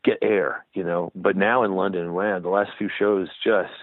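A man's voice: deep voice, steady tone, moderate pace, no room sound. A middle-aged male musician talking in a rambling way in a phone interview, often tagging his points with "right?". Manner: rambling, tags statements with "right?". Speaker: touring musician, guest. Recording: dry tinny phone line.

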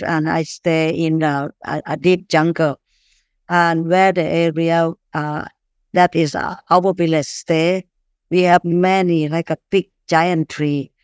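A woman from Thailand with a Thai accent, answering interview questions as an activist in halting, non-fluent English. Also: low-pitched, clear, resonant tone, no echo, clean studio sound. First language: not English. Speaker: animal rights activist, interview guest.

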